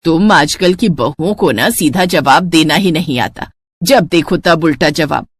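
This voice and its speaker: एक महिला, कहानी में शिकायत करती, डाँटती बुज़ुर्ग सास की आवाज़ करती हुई।. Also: female voice, low voice, measured pace, no echo, pitched below the performer's own voice. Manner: complaining, dramatic. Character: scolding elderly mother-in-law.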